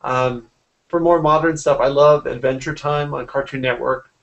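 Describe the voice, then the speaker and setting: A man in his forties, an artist and art teacher, is an interview guest in a casual video call conversation from a small room at home, often rephrasing himself mid-sentence. His medium-pitched voice is fairly even, at normal speed, with vocal fry. The computer mic yields lo-fi sound.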